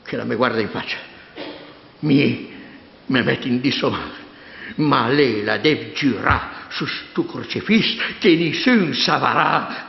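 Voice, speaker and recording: A man's voice: mid-range voice, animated, creaky. A man acting a fearful, deferential village priest in a stammering Milanese accent, in a theatrical dialect reading. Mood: frightened, agitated. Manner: stammering, halting, repeating words. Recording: muffled, echoing hall.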